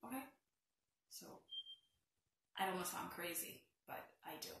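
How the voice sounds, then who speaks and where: This Haitian vlogger, a young woman with a Haitian accent, has a lowish, creaky, slightly bright voice with lively intonation and a moderate pace. She jokes around and pokes fun at herself in a casual vlog introducing herself. The recording has a little hiss or hum, a very echoey room, and some distance from the mic.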